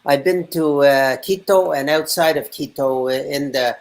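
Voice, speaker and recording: Very deep-voiced enthusiastic woman. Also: darkish tone. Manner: enthusiastic, quick to agree. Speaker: guest.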